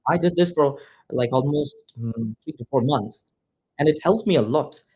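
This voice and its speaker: This Malayalam-speaking Indian instructor has a mellow voice on the high side with a breathy edge, speaking at a moderate pace. In neutralized Indian English, he directly and repeatedly coaches students on pronunciation, calling them "guys."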